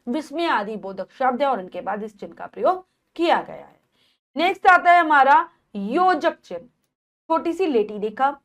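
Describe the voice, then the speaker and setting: A woman's voice: sits high, expressive, normal speed. A woman teacher explaining a grammar lesson to children, patiently repeating and rephrasing each point.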